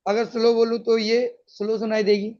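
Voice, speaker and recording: Guy teacher explaining science, keeps asking if students get it, high voice, dull tinny recording. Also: little pitch movement, normal speed, darkish tone. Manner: patient, keeps checking if students follow. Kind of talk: explaining a class lesson. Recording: dull lo-fi sound.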